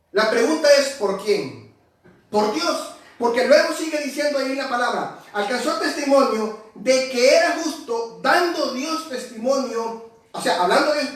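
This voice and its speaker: A man with a very high voice preaches a sermon and explains each word with care, often calling out to his listeners. He is heard from some way off the mic, and his voice rings through a very echoey church hall. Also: recorded from a distance. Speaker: pastor.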